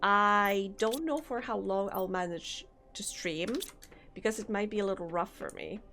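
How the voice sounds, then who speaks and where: This woman's mid-range voice sounds bright and forceful, moving at a moderate pace. She's streaming a game live with faint music behind her, rambling, thinking out loud, and chatting with her viewers despite a slightly sore throat.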